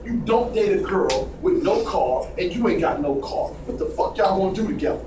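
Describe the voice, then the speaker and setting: A man's voice: high-pitched, lively intonation, a little fast. A man giving a blunt, profane motivational talk to a small audience and asking them to agree with him. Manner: preachy, profane, asks the room for agreement. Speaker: speaker addressing a group. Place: indoor room with a small audience. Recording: echoey noisy room from far off.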